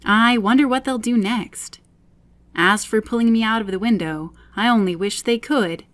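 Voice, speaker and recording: A woman's voice: fairly high pitch, normal speed, fairly bright tone, no room sound, close to an everyday voice. A woman voicing a plucky young girl in a storybook, musing aloud to herself.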